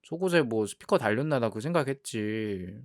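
A man playing a playful, defensive young boyfriend in a role-play ASMR audio drama, talking haltingly and repeating his words as he protests. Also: medium pitch, lively intonation, no echo, studio quality, lightly acted. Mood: flustered, protesting.

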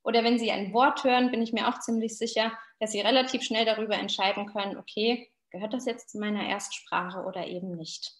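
Speaking fairly quickly with few pauses, this woman uses a steady, mid-range voice. She is a researcher in her thirties giving an online talk from a small room over video call, addressing listeners directly, and the webcam picks up a roomy echo.

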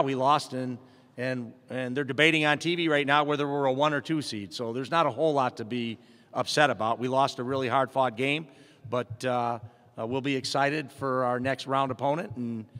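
Speaking into a table microphone amid long hall reverb, a middle-aged head basketball coach fields postgame questions. His medium-pitched voice is steady, bright, and forceful at a moderate pace, plainspoken and upbeat despite frequent fillers and restarts.

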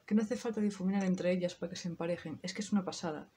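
A woman's voice: fairly low pitch, rapid-fire, dark tone, slight background noise. A woman in her thirties with a Spain Spanish accent, chatting casually to her viewers through a makeup tutorial, swearing now and then. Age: 30s. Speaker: beauty vlogger.

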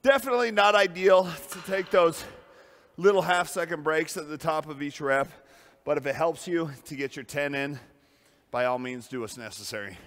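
A man's voice: on the high side, moderate pace, fairly bright tone, long reverb tail. Winded, pumped-up male fitness trainer. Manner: upbeat, pumped-up coaching with breathy exhales. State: out of breath. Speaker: personal trainer. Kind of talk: workout coaching while lifting. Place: gym.

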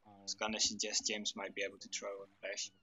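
A man's voice: lowish voice, monotone, quick pace, sharp tone. A man leading a team in a military game, casually explaining tactics in a hesitant way over voice chat. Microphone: gaming voice chat. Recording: dull online voice chat.

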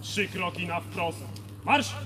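A man serving as parade commander at an outdoor fire brigade ceremony, calling out loud, clipped, drawn-out drill commands. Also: sits high. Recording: reverberant outdoor sound with background noise.

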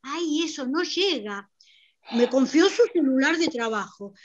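The audio is dull as a high-voiced woman, animated and a little slow, plays a chatty old mother in an amateur play held over video call. Speaking with a Rioplatense Spanish accent, she rambles, pleads, and hesitates with many fillers.

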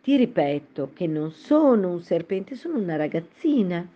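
A woman's voice: fairly low pitch, big pitch swings, normal speed, dull audio. A woman voicing an earnest, polite young girl in a storybook reading. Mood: protesting. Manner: earnest, a little unsure.

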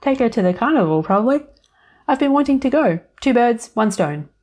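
A woman's voice: fairly high pitch, animated, fairly quick, voice pushed up. A woman voicing a bubbly, cheerful young woman with a breezy, playful way of talking. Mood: perky. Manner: bright, playful, chirpy.

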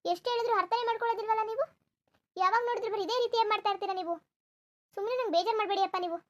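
A woman voicing a lazy, sleepy young wife in a cartoon, complaining and stubbornly refusing to get up. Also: very high-pitched. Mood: whiny. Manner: complaining, stubborn, rapid-fire. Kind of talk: cartoon voice acting.

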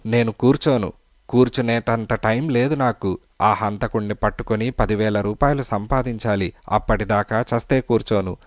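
A man's voice: fairly low pitch, dry recording, natural voice. A man voicing a broke, desperate male lawyer who pleads and blusters.

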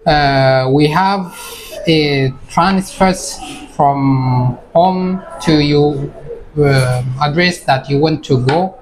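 A young man from Ethiopia answers questions in a small office. He speaks politely but falters, filling his pauses. A faint background noise sits under his voice. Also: on the high side, low-quality recording. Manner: polite, hesitant with many fillers. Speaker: taxi service manager. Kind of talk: interview answers.

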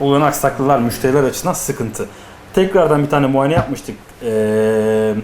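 A man's voice: mid-range voice, a little mellow. A man explaining customs procedures in casual talk, telling stories with acted-out dialogue. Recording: echoey room with faint noise.

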